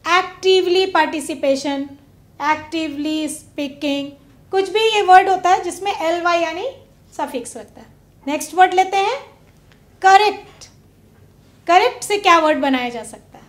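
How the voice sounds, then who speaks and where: A woman teacher giving a classroom lesson, drawing out words slowly and putting questions to her pupils. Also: very high voice, reverberant. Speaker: English teacher. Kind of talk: classroom lesson on prefixes and suffixes. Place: broadcast studio classroom.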